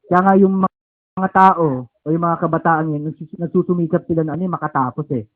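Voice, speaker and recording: At a home service, a Filipino preacher with a high voice teaches a Bible lesson, spelling words out slowly with fairly even intonation. He keeps checking in with listeners by asking "okay?" and "di ba?", and the audio sounds thin and tinny, as if over a phone line.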